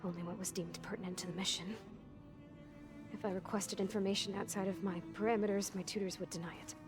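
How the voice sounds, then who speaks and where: A medium-pitched, natural female voice moves fast with fairly even intonation. The actress is portraying an anxious, defensive young clone woman in a game, speaking in a clipped, formal, precise way, guarded and subdued, over music.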